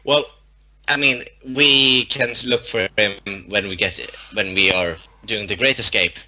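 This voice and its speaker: A man's voice: on the low side, a little slow, sharp tone, low-quality recording. A man playing a tabletop game, making blunt jokes and banter. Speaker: player.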